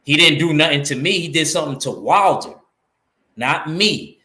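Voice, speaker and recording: Man, New York accent, bright forceful voice, slightly high, emphatic, echoey room. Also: normal speed. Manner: animated, emphatic, repeats himself. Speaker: podcast co-host. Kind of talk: casual boxing talk.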